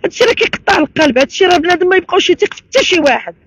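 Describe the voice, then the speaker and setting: A woman's voice: very high voice, animated, very fast, a bit bright, dry recording. An upset woman with a Moroccan accent, crying angrily and pleading as she repeats her phrases in an outdoor interview. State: upset, tearful, angry crying. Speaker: interviewee, mother. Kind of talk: emotional street interview testimony. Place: outdoors at night in a city park. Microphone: handheld reporter microphone.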